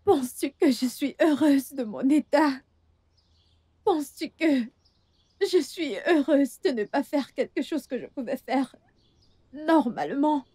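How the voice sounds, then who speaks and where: A woman's voice: fairly high pitch, moderate pace, warm tone, breathy edge. A woman dubbing a film in French as a young invalid woman who pleads for help and is hurt by her partner's coldness. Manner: pleading, plaintive. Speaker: dub actor.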